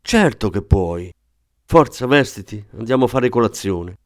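A man's voice: fairly low pitch, expressive, measured pace, no room sound, clean studio sound. A man reading an audiobook, voicing a domineering older sister with a raised, commanding voice. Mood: bossy.

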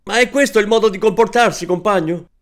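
A man voicing a small, timid married man who turns indignant, speaking in a high, strained voice that rises to shrill protest. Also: sing-song, normal speed. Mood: desperate shouting.

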